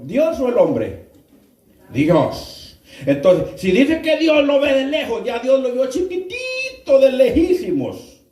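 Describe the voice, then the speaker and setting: A man preaching a sermon, firing rhetorical questions at the congregation and rising into sudden shouts. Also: on the high side. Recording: roomy echo, mic far off.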